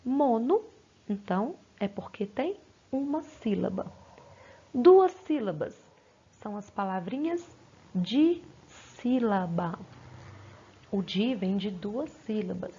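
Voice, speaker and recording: Slow, patient teacher woman, husky. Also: medium pitch, expressive, dark tone, muffled recording. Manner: patient, sounds out words syllable by syllable. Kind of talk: recorded lesson for young children.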